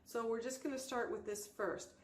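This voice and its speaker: A woman's voice: on the high side, fairly even intonation, moderate pace. A woman hosting a casual crafting tutorial, explaining informally step by step as she works. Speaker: host of a soap-making tutorial channel. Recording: roomy echo, faint background noise.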